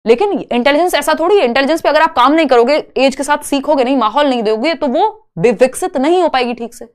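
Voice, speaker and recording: Woman, exam prep teacher, higher voice, asks and answers her own questions. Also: animated, fast. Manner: explains questions step by step, asks and answers herself. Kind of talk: online lecture.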